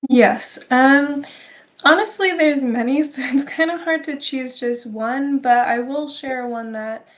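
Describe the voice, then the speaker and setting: A woman's voice: sits high, measured pace. A woman speaking unscripted as a channeler guest in a spiritual interview, earnest and drawing out words for emphasis.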